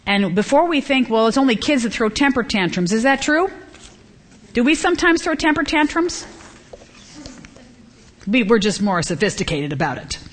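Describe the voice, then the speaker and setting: A woman's voice: big pitch swings, normal speed, long pauses. Earnest middle-aged woman giving a Bible teaching. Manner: earnest, rises high and emphatic when stressing a point; acts out quoted children and parents. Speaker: Bible teacher speaking to women.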